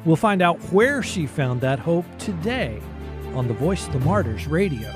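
A man's voice: fairly high pitch, sing-song, normal speed, over music. A man presenting and narrating a radio programme from a script as its host.

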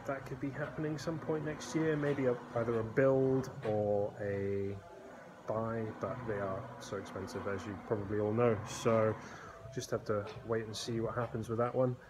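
A man in his thirties, a blacksmith vlogger, records himself on a phone at arm's length while wandering his concrete-walled workshop. His voice sits on the low side at a moderate pace, laid-back and rambling with frequent fillers and restarts, captured in a noisy phone recording.

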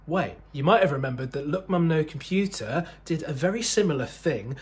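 This museum video host is a British man in his thirties whose slightly rough voice runs a little high, expressive and a bit quick. He talks to camera conversationally and with enthusiasm, giving an explainer indoors among rows of synthesizers.

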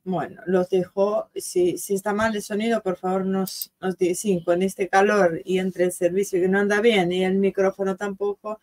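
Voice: medium pitch, level tone, moderate pace, hardly any pauses, darkish tone, dry recording. Host, chatty, apologetic, addresses viewers, casual live stream.

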